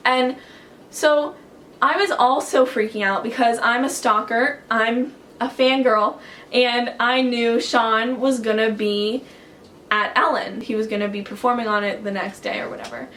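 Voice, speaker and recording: A woman vlogger telling a story to camera at home in an excitable, chatty way, full of "like". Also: on the high side, measured pace. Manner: excitable and chatty, heavy use of "like".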